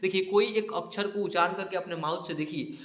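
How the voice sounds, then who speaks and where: Man, teacher, slow syllable-by-syllable spelling, bright voice, echoey room. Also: high-pitched. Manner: slow syllable-by-syllable spelling, frequent "ठीक है?" checks. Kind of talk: spelling lesson over a screen.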